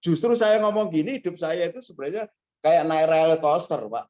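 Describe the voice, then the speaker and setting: A man giving a fiery motivational talk as a guest speaker, telling stories emphatically and swinging between quiet asides and loud bursts over a video call. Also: fairly high pitch, a little fast.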